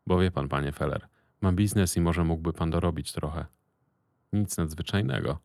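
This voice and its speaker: A man reads a shame-faced, sleazy older man in an audiobook. The voice is low and gravelly, and he coaxes in a hesitant, wheedling way. The recording is dry and close. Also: normal speed, a little mellow, dry recording.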